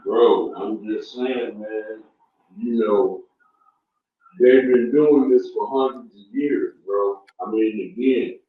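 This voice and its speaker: A man's voice: on the low side, takes it slowly. Laid-back male caller, big hall echo, distant and dull through a Bluetooth headset. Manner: laid-back, says "bro" and "man" often. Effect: echoey, muffled sound over a Bluetooth headset. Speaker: caller in a live audio chat room. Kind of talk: casual chat. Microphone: Bluetooth headset on a remote call. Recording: big echoey space, distant muffled lo-fi call audio.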